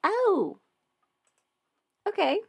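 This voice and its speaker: This woman's voice is very high-pitched yet gravelly and darkish, swinging widely in pitch and moving extremely slowly. An audio performer alone at home, she rambles and mutters on a casual livestream while fiddling with settings, recorded dry through a studio mic and audio interface.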